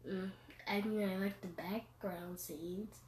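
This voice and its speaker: A woman co-hosting a casual movie podcast, answering slowly with giggly deadpan replies. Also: medium pitch, recorded from a distance. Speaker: podcast co-host. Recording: echoey room, away from the mic.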